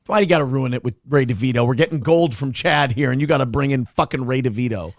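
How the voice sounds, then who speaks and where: A man's voice: medium pitch, fast, dry recording, studio quality. A man hosting a podcast, casually commenting on a clip with swearing and mocking imitations. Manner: animated, profane, mocking imitations. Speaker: podcast host.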